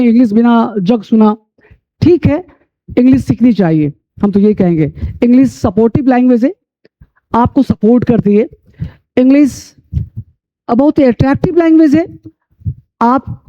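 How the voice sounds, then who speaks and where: A man teaching English pronunciation, repeating rules and spelling letters out slowly. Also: very high voice. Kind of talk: classroom-style lesson. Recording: dull lo-fi sound.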